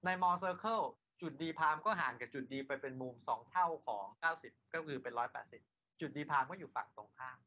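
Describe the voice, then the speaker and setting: Bright-toned man lecturing, lo-fi. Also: on the high side, animated, moderate pace. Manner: asks students rhetorical questions, then answers them himself. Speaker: university engineering lecturer. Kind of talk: classroom lecture. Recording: lo-fi lecture recording.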